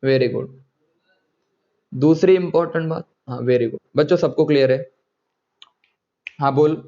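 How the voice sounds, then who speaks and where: A man's voice: a little high, unhurried, dark tone, lo-fi sound. Coaxing male chemistry teacher. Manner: coaxing, repeats words, checks students often. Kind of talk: online class lecture.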